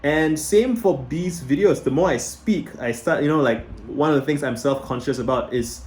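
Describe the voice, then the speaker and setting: His voice is a little high yet darkish in tone, delivered at a moderate pace over a slight hiss or hum. The Singaporean man, in his thirties, vlogs casually to camera, rambling and often starting his sentences over.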